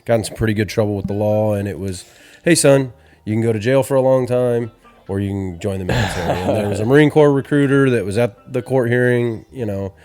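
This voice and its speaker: A man in his forties from Georgia, a podcast guest telling stories in a rambling, animated way. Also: on the low side, brisk, faint music behind. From Atlanta, Georgia. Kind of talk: casual storytelling.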